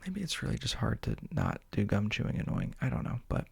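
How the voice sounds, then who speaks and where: For an ASMR video, a man whispers breathily and casually into a close studio mic with a fuzzy cover, rambling and joking self-awarely. His pitch is fairly low with huge swings, he talks briskly, and there's no room sound.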